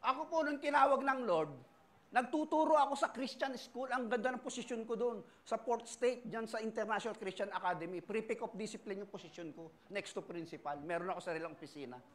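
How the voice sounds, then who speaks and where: Man, middle-aged, Filipino accent, pastor, sermon, high-pitched, animated storytelling. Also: brisk. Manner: animated storytelling, acting out voices and shouting lines. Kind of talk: sermon with personal testimony. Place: church service.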